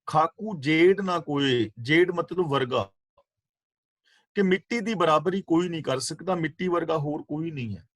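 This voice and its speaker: A man's voice: a little high, a bit bright, dry recording. Man teaching scripture in a dry, close voice. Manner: measured, patient explaining, repeating key words. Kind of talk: scripture exposition class. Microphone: video call microphone.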